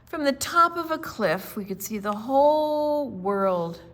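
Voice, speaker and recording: This older woman reads a picture book to children as their storytime reader, using deliberate, dramatic phrasing and gentle asides in a quieter tone. She speaks in a high, expressive voice.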